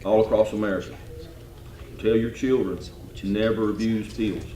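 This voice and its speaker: Emphatic sheriff, lowish voice, echoey. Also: male voice, steady tone, normal speed, mellow, slight background noise. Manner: emphatic, repeats himself. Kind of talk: casual talk at a club meeting. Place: meeting room. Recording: echoey room, distant mic.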